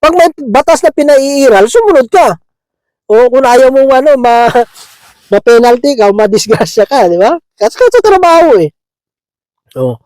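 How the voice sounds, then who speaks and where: A man's voice: extremely high pitch, sing-song, moderate pace, pauses often, a little mellow, no echo, rough recording. A man preaching a conversational sermon, chuckling often and checking in with his listeners, slipping English words into his talk. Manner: chatty, keeps asking "di ba?", chuckles often.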